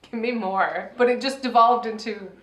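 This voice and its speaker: A fairly high-voiced woman chats casually as a podcast co-host, lively and quick to laugh. She slips into little acted-out voices when she quotes people. The recording rings with the echo of a bare room. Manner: animated, laughs often, acts out quoted voices. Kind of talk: casual review chat. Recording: echoey room.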